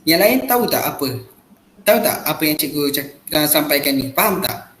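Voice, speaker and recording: A man's voice: fairly high pitch, animated, a little fast, fairly bright tone, roomy sound, a little hiss or hum, poor audio. A man playing a teacher, explaining patiently with lots of filler sounds. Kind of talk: classroom role-play lesson.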